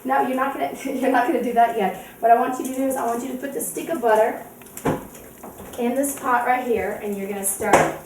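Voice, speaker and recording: A woman's voice: fairly high pitch, steady tone, fairly quick. A woman hosting a home cooking demonstration in her kitchen, chatty and giggly as she walks through each step. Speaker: cooking show host. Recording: echoey kitchen, distant mic, faint noise.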